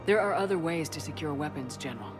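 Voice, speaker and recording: Commander Shepard, cool and terse. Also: female voice, low-pitched, animated, fast. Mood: cool, businesslike. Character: composed, firm woman space military commander. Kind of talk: dramatic video game dialogue. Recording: music behind the voice.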